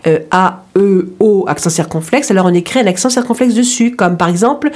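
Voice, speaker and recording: A woman co-hosts a radio language segment, her voice sitting at a middle pitch. She speaks patiently and spells words out letter by letter. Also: fairly quick, darkish tone. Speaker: radio co-host. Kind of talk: language lesson chat on radio.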